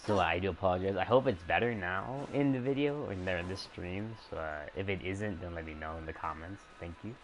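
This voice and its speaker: A young man streaming a game, talking casually in a quiet, hesitant way with many fillers and restarts. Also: low voice, fairly quick, hardly any pauses, a little hiss or hum, low-quality recording.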